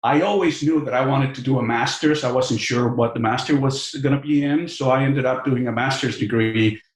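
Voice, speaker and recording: This podcast guest is a middle-aged business school professor with a Mexican accent, considered in his answers but heavy on fillers and repeated words. He speaks in a mid-range voice at a moderate pace in an echoey room.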